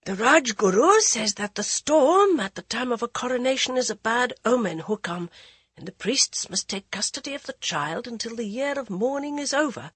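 A man's voice: very high-pitched, lively intonation, normal speed, a bit bright, husky, no echo, pitched above the performer's own voice, heavily acted. A woman voicing a cautious male councillor who addresses the queen deferentially.

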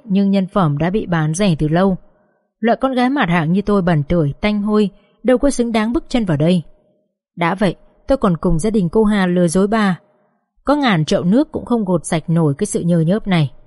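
A woman's voice: mid-range voice, lively intonation, brisk, a little mellow, no room sound, studio quality. Woman reading a sorrowful story. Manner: sorrowful, confessional narration. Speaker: audiobook narrator. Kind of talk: dramatic first-person story reading.

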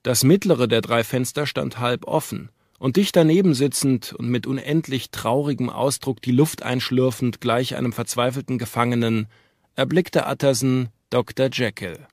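A man reading an audiobook in a measured, calm storytelling manner. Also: medium pitch, dry recording, clean studio sound. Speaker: audiobook narrator. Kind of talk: scripted narration.

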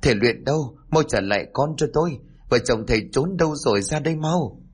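Người đàn ông giả giọng bà mẹ gào khóc thảm thiết. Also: male voice, expressive, a little fast, slightly rough. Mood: wailing. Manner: wailing, shrill, pleading. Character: grief-crazed young village mother, screaming.

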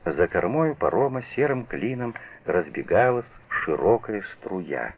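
A deep, gravelly man reads a novel aloud for radio, measured yet expressive, with a pitch that rises and falls widely. The sound is narrow and tinny, like an old broadcast heard over a phone line. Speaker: narrator. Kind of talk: literary reading for radio.

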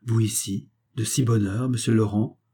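A kind young peasant girl full of anxious questions, as a male reader puts her on. The husky, mellow voice lifts a little above its usual register for her. It is a storybook character read aloud, not fully acted. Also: on the low side, steady tone, moderate pace. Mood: concerned. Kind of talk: audiobook character reading.

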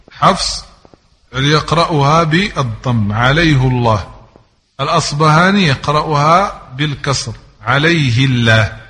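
A man's voice: fairly high pitch, pushed and bright, big-room sound. A man teaching Quran recitation rules, repeating each example word several times and sometimes chanting verses.

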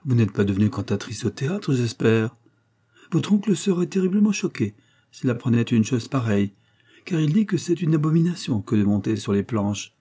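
A man's voice: mid-range voice, very animated, moderate pace, mellow, husky. A male reader voicing a vain, effusive middle-aged woman who has newly remarried, exclaiming piously and gushing over everyone.

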